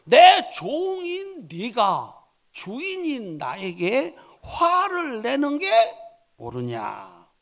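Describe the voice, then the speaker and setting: A man voicing God patiently reasoning with an angry prophet, asking loud and emphatic rhetorical questions in a sermon. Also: very high-pitched, wildly swooping pitch, extremely slow, full character voice. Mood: pleading, emphatic.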